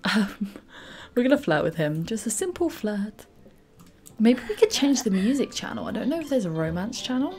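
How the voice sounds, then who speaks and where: A woman commenting on a game she is playing, gushing and giggly with excitement. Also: a little high, moderate pace. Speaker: gaming YouTuber. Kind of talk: let's play commentary.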